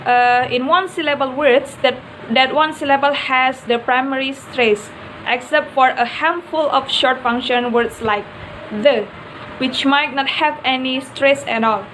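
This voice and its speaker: A woman's voice: high voice, fairly even intonation, unhurried, a bit bright, slight background noise, poor audio. A young woman student giving a class presentation on word stress, hesitating with frequent fillers; her first language is Indonesian. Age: young adult.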